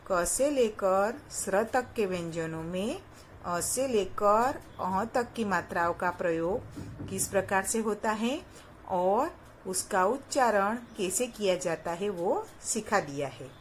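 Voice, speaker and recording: Slow, patient woman teaching children. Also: mid-range voice, animated, a little hiss or hum. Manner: sounds out each syllable slowly and clearly, asking the children questions. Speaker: primary school teacher. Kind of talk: slow, patient Hindi phonics lesson for young children.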